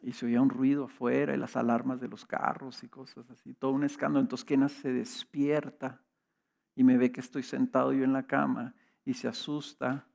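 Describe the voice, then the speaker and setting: A man's voice: mid-range voice, flat delivery, normal speed, vocal fry, a little mellow. A middle-aged man preaching a sermon, telling personal stories in a conversational way with rhetorical questions. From Mexico. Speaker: pastor.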